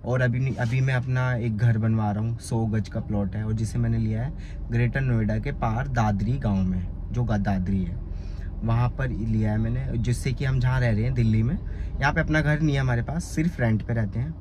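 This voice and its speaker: A young man from Uttar Pradesh, India, talking about his life in a chatty, rambling vlog, his voice often rising with excitement. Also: medium pitch, moderate pace. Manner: chatty, rambling, with lively rises. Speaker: vlogger. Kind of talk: casual vlog narration. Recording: noisy outdoor phone recording.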